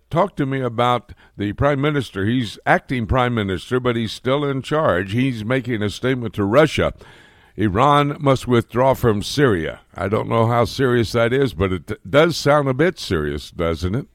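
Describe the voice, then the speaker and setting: A man's voice: mid-range voice, animated, moderate pace, dry recording, clean studio sound. A man hosting a radio talk show, speaking in an assured, conversational way. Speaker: radio host.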